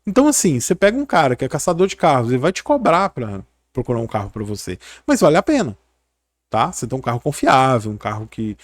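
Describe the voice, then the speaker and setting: A man's voice: mid-range voice, sing-song, fast talker, dry recording. A middle-aged man, talking casually and rambling to camera, full of fillers and tag questions. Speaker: physiotherapist YouTuber.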